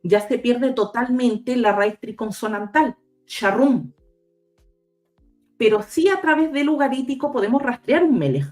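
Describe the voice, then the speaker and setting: A woman's voice: a little high, lively intonation, unhurried, a little mellow, soft background music. A woman guest on a video call, patiently explaining and spelling out letters one by one like a teacher. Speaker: guest researcher. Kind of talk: explanatory talk with slides.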